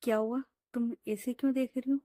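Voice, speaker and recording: A woman's voice: on the high side, steady tone, brisk, warm tone, no echo, studio quality, close to an everyday voice. A woman voicing a shy young woman in love who scolds her partner in a coy way.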